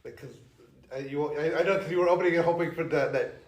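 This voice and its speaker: A man's voice: fairly high pitch, quick pace. A man with a congested, stuffed-up nose, chatting casually and swearing as a podcast host. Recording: roomy echo, clear background noise.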